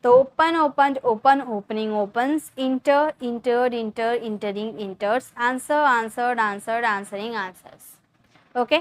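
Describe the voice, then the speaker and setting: A young woman teaching English grammar in Hindi, explaining step by step, repeating words slowly and asking her class questions. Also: fairly high pitch, dry recording. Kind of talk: Hindi-language grammar lesson.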